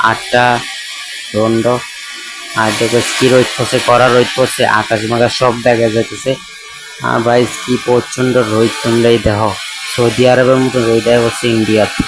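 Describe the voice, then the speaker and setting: A man's voice: medium pitch, low-quality recording. A man, narrating his daily vlog as a chatty voice-over that keeps talking to the viewers. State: hoarse. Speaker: vlogger.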